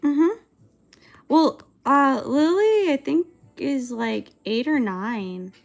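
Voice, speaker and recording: Creaky-voiced young woman rambling casually. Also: high voice, expressive, takes it slowly, soft background music. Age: 20s. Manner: rambling, hesitant, filler-heavy. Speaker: streamer and animator. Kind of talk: casual livestream chat while drawing.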